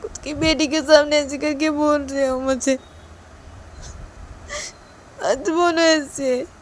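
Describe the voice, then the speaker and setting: A woman voicing a young mother who is crying and pleading in a shrill, repetitive way, for a homemade story. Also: unhurried, darkish tone, a little hiss or hum, lightly acted. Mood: tearful protest.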